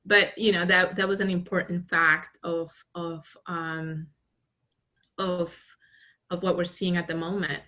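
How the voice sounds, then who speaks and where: A woman from Colombia, in her early forties, recounting her path as a business founder in a relaxed interview. Her voice is bright and sits a little low, and she tells her story with animated restarts and easy laughs. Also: measured pace. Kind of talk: casual interview conversation.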